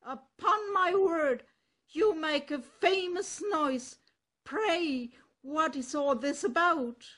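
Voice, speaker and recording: An older woman with a German accent voicing a kindly, bossy male donkey who talks loudly and heartily. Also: high voice, slow pace, voice pushed up. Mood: hearty. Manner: loud, hearty invitations.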